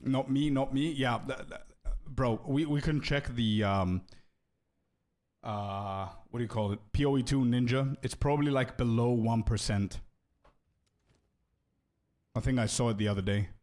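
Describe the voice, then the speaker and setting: A young game streamer answers his viewers in a loose, friendly live-stream chat, his medium-pitched voice unhurried and broken by long pauses. He leans on "bro" constantly and repeats words while he thinks aloud.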